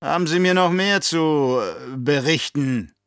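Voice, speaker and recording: A man's voice: on the high side, a little slow, fairly bright tone, smooth, dry recording, clean studio sound, voice pushed up. A man voicing a cruel, scheming, obese baron who barks angry questions in an audiobook reading. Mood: interrogating.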